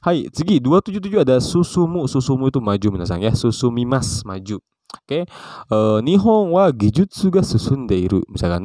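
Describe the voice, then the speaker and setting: A man teaching a casual vocabulary lesson, calling out each new word brightly and explaining it with relaxed, chatty example sentences. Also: fairly low pitch, dry recording. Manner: relaxed, chatty, frequent fillers. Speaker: Japanese language teacher.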